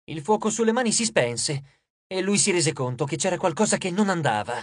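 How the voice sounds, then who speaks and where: A male audiobook narrator with a high voice that swings lively across each sentence. He tells the story with expressive energy. The recording is close and dry. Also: brisk, dry recording.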